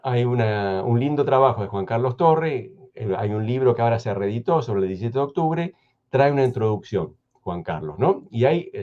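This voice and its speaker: A man with an Argentine Spanish accent talks in a thoughtful radio conversation. His voice sits at a middle pitch and comes through slightly dull, lo-fi audio. He speaks in a measured, hesitant way and often restarts his sentences. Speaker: guest historian.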